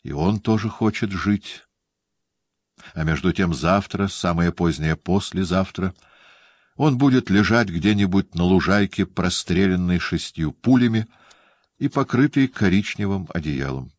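Deep-voiced male audiobook narrator. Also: no room sound. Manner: measured storytelling. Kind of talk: scripted narration.

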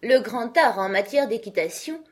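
A woman voicing an earnest, solemn male knight who is proud of his clumsy inventions, read in a breathy voice for a storybook. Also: mid-range voice, very animated, moderate pace, pitched above the performer's own voice. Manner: grave, proud, rambling explanations. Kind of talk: audiobook character reading.

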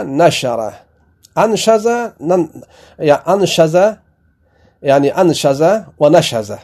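A man teaching a Quran commentary lesson, slowly reading quoted passages and explaining them with frequent restarts. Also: on the high side, darkish tone. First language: Pashto or Dari. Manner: slow, deliberate reading of quoted text with explanations; frequent self-corrections and restarts. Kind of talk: classroom lesson.

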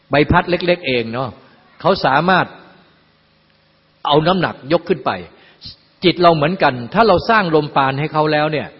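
A man's voice: a little high, slightly rough. An older man teaching a Buddhist dharma talk in a folksy way, explaining with everyday examples and asides. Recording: lo-fi, long hall reverb.

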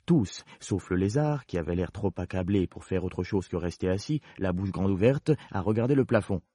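Male storybook narrator, deep husky voice, measured, dry booth. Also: expressive, warm tone, dry recording.

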